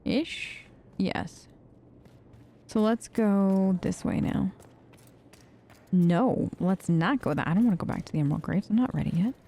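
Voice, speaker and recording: A woman hosting a let's play, giving chatty, excitable commentary while she plays and yelping when startled. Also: medium pitch, measured pace, pauses often. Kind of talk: gameplay commentary. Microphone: headphones with mic.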